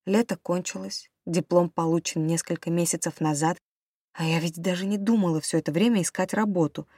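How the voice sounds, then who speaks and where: A woman reading a novel aloud in the first person, as a steady audiobook narrator. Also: fairly low pitch, brisk, husky, no room sound, studio quality.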